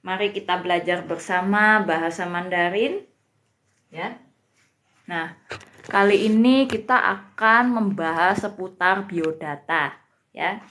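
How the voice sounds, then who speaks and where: A woman's voice: on the low side, takes it slowly, pauses often, pushed and bright, slight background noise. A woman teaching a live-streamed Mandarin lesson, patient and greeting viewers by name.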